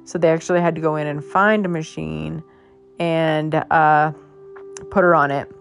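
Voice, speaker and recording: A woman host telling a personal story in a casual, halting way, her voice worn as if she is losing it. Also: deep voice, fairly even intonation, gravelly, faint music behind. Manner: halting, many fillers and restarts. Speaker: podcast host.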